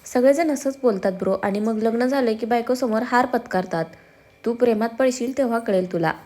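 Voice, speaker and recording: A jealous, playful young twin brother who whines and teases, his complaints half joking. A woman reads him in a slightly high voice, close to her own. He drops casual English slang between sentences. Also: brisk, dark tone, close to an everyday voice. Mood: teasing.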